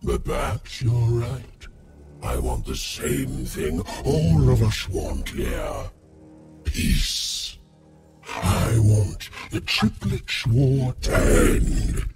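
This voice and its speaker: An actor playing an ancient, menacing shadow creature that snatches children in a video game, speaking with theatrical, mocking politeness. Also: male voice, fairly low pitch, sing-song, very slow, gravelly, heavily acted. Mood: brooding, sly. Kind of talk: video game character acting. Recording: loud background music.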